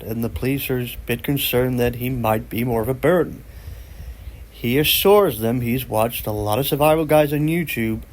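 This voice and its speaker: A man's voice: medium pitch, a little mellow. Man casually retelling a strange story. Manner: rambling, conversational, with fillers and restarts.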